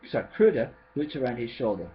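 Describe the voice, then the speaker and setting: A man retells a story in a casual way, stopping to correct himself and starting lines over. His pitch sits in the middle but swings widely. The recording sounds slightly dull, with a faint hum underneath. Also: very animated. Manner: halting, with many restarts and self-corrections.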